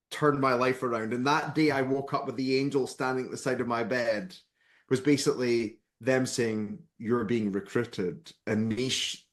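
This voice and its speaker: Animated male guest telling a story. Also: medium pitch. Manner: lively narrator who acts out the people in his story. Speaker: guest, spiritual teacher and author.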